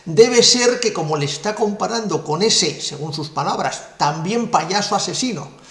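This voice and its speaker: Scornful commentator, echoey. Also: male voice, high-pitched, animated, moderate pace. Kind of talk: political commentary monologue. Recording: roomy echo.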